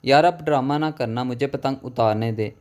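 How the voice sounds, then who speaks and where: A man's voice: medium pitch, darkish tone, natural voice. A man voicing a hot-tempered, easily scared young male friend in a narrated horror story, blustering and threatening. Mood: angry. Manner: blustering then stammering.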